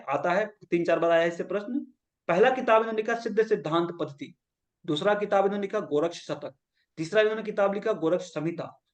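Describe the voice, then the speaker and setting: High-voiced man teaching a class. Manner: asks the class to repeat points back; acts out quoted lines as he tells stories. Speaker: yoga teacher. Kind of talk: lecture storytelling.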